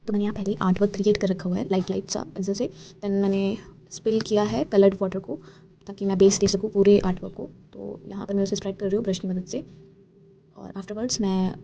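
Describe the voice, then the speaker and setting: This painting tutorial voice-over comes from a woman art host whose mid-range voice is gravelly and dark. Blending Hindi and English, she calmly explains each step; the recording sounds slightly dull and carries faint hiss.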